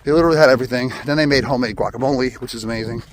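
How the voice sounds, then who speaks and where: A man's voice: medium pitch, rapid-fire, a little hiss or hum. Breathless hiker man talking on the trail. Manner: climbing uphill while talking. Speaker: thru-hiker vlogger. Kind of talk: casual vlog narration while hiking. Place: outdoors on a mountain trail.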